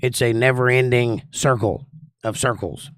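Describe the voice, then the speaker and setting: A man's voice: medium pitch, normal speed. A man talks in a dry, echo-free space. He has a folksy hillbilly drawl and an opinionated way of putting things, full of rhetorical questions. He speaks off the cuff, like a livestream host chatting with viewers. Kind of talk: casual livestream chat, monologue answering viewers.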